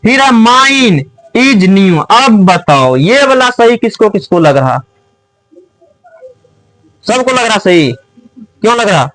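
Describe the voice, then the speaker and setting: High-voiced man teaching a classroom. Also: very animated, slow pace, long pauses, a bit bright, dry recording, rough recording. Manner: quizzing students, often raising voice.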